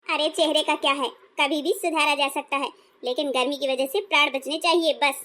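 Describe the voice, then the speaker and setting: A woman's voice: high voice, steady tone, normal speed, fairly bright tone. A woman voicing a cheerful, carefree bald old woman in a cartoon, chatty and unbothered. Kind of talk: cartoon voice acting.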